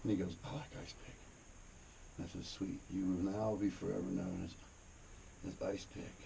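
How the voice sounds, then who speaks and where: A man with a low, gravelly voice tells casual stories in a laid-back, rambling, foul-mouthed way. The tone is mellow, and the recording carries faint noise and cave ambience. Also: flat delivery, normal speed, rough recording. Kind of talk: casual anecdotal storytelling. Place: inside a cave during a tour.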